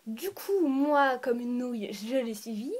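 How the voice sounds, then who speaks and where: A woman with a fairly high voice tells a storytime tale in a loose, chatty way. She wanders off on tangents and restarts her sentences, like she's talking straight to her viewers through a phone or tablet. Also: lively intonation, unhurried, a little mellow, breathy edge. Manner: rambling, chatty, often restarts and corrects herself. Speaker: storytime vlogger. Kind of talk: casual storytime narration. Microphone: phone or tablet voice recording.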